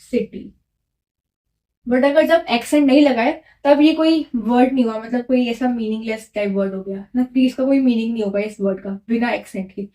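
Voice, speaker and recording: A woman with a slightly high, warm voice teaches French grammar at a moderate pace, walking through it step by step in a classroom-style lesson. She repeats each key word and has the learner echo it back, slipping English words into her Hindi.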